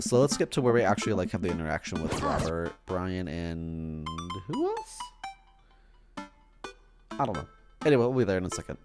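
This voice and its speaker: Lively, swearing gaming guy. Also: fairly low pitch. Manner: casual, laughing, profane asides. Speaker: gaming channel host. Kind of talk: let's play commentary, reading game text aloud.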